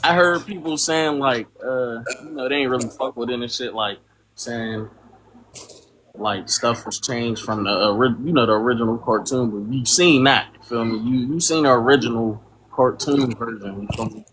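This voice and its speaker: A man's voice: mid-range voice, moderate pace, fairly bright tone, a little hiss or hum, rough recording. Rambling man chatting on a podcast. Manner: rambling slangy talk, frequent fillers and tag questions. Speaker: podcast co-host. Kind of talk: casual podcast chat.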